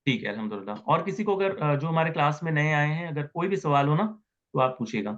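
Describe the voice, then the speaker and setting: A man's voice: on the high side, expressive, fast talker, muffled recording. A man teaching Arabic grammar in an online class, patiently repeating words and asking students questions.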